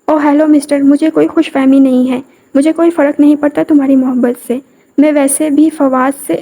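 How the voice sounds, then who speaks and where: A sharp-tongued young bride snaps back at her forceful husband, read by a woman narrator. The voice is high and mellow, the delivery indignant and retorting. It is an audio novel reading. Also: little pitch movement.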